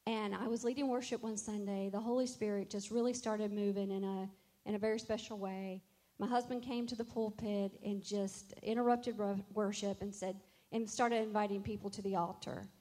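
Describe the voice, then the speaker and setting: A woman's voice: medium pitch, steady tone, moderate pace, mellow. A middle-aged woman, a worship leader, telling a personal faith testimony in an earnest, reflective way and quoting scripture.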